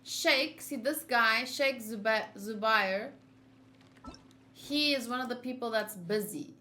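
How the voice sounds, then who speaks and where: Her voice sits a little high and comes out pushed and bright, though she takes her time. She's livestreaming a video game, chatting casually and thinking aloud as she shifts between her viewers and the game, with video game music in the background.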